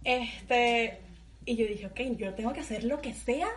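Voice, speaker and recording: A young woman tells a school story in casual podcast chat, animated and laughing. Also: fairly high pitch, measured pace, slight background noise. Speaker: podcast co-host.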